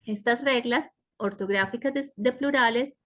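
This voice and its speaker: A woman's voice: a little high, a bit bright. A woman teaching an English grammar lesson in a web conference, explaining patiently and checking in with her students. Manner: slow, explanatory, asks "¿sí?" and "¿cierto?". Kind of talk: online class lecture. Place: video call.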